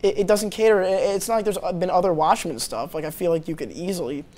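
A young adult man with a high-sitting, somewhat mellow voice talks fast as he co-hosts a movie review show. His casual chat is full of fillers and restarts, picked up by a lapel mic in a small TV studio.

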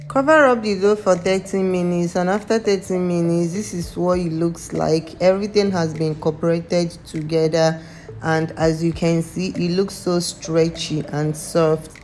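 The same home cooking channel host, a young Nigerian woman, narrates a recipe in a lowish, steady, unhurried voice with a Nigerian accent. She guides viewers warmly one step at a time, phrasing some things non-standardly, while soft music plays in her home kitchen.

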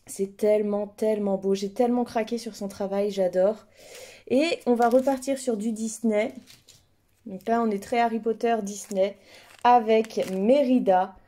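A woman's voice: mid-range voice, steady tone, a little slow, dark tone. A woman chatting casually through an unboxing in an effusive, admiring way, her mouth numb from the dentist so that speech is slightly impeded. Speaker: host of unboxing videos.

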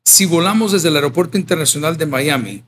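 A man's voice: a little high, brisk, a bit bright, a little hiss or hum. A man hosting a podcast interview, chiming in with short reactions and questions. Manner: brief encouraging interjections. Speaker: podcast host.

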